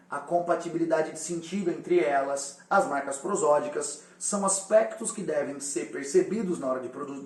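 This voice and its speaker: A man's voice: a little high, roomy sound, far from the mic. A male teacher explaining a lesson directly to his students. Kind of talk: recorded lesson.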